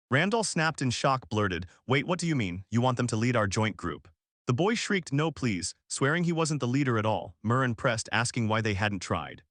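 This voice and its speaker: A man's voice: mid-range voice, fairly bright tone, no room sound, clean studio sound. A man narrating a story recap in a dramatic, punchy scripted read.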